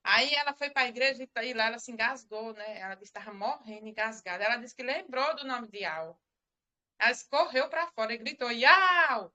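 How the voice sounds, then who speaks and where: A woman's voice: a little high, fairly quick, sharp tone. A middle-aged woman giving a religious testimony on a live stream, rambling and repeating herself as she tells the story. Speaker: church member giving testimony.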